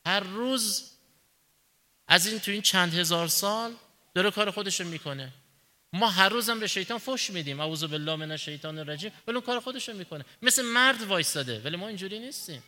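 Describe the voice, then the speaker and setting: A man's voice: high voice, expressive, bright, forceful tone, big-room sound. A man preaching a sermon, asking rhetorical questions and answering them himself, and telling everyday stories to make his point. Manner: tells illustrative stories in everyday speech.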